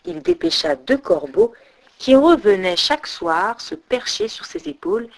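A woman storyteller narrating a myth in an expressive, dramatic reading. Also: high-pitched, unhurried, creaky.

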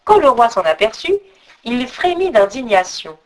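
A woman narrating a fairy tale aloud, expressive and speaking straight to her listeners. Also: fairly high pitch, normal speed, rough recording. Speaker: storyteller. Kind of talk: storybook narration.

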